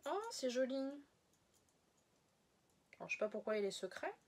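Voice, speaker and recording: A woman's voice: fairly high pitch, big pitch swings, moderate pace. A woman chatting casually as she unboxes items for her viewers, rambling a little, with many fillers and self-corrections. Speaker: unboxing vlogger. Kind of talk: casual chat showing items to camera.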